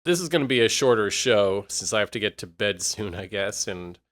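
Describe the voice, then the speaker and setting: A man with a fairly low voice, his voice a little worn and tired. He talks alone in a loose, reflective ramble, full of restarts and fillers. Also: animated, fairly quick, a bit bright. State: voice a bit worn. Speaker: podcast host. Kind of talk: casual solo monologue.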